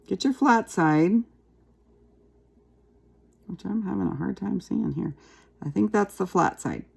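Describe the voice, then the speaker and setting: Gravelly-voiced woman teaching a craft. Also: mid-range voice, slow pace. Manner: chatty, relaxed, talks while working with her hands. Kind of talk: casual craft tutorial.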